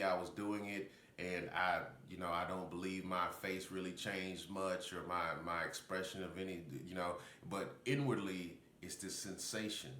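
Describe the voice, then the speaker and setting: A man's voice: low-pitched, a bit bright. A man with congested sinuses giving casual, loosely explained instruction in a breathing technique. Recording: roomy echo, faint background noise.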